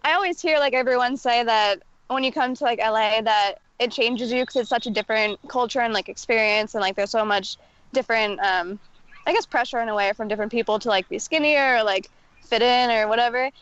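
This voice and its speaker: A woman's voice: a little high, a little fast, a bit bright, dry recording, muffled recording. A young woman, a guest actress, chatting casually on a podcast, telling stories with lots of "like" and giggles. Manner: storytelling, giggly, says "like" often.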